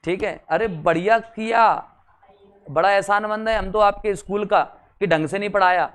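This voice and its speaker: A man's voice: sits high, normal speed, a bit bright. A male teacher giving an exam-prep grammar lesson, drilling syllables in chanted rows, joking along the way and repeating "theek hai" often.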